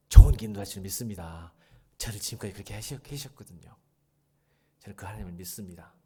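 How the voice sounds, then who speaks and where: A middle-aged man preaching a sermon in a church, swinging between hushed pleading and loud, fervent exclamations. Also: mid-range voice. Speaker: pastor. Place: church sanctuary.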